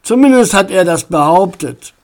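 A man voicing a grumpy, stubborn middle-aged father in a storybook reading, curt and gruff. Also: sits high, animated, moderate pace. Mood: irritated.

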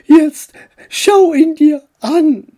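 A fond, doting aunt in a storybook, as a woman reader puts her on. Her voice rises high and coos affectionately. She speaks slowly and loudly. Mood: fond cooing. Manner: cooing, high and bright.

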